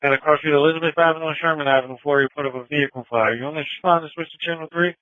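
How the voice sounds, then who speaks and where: Fast male dispatcher over walkie-talkie. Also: on the high side, steady tone, dry recording. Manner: rapid, clipped dispatch cadence. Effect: heard over a walkie-talkie radio. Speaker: fire dispatcher. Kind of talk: radio dispatch calls. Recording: tinny, dry radio transmission.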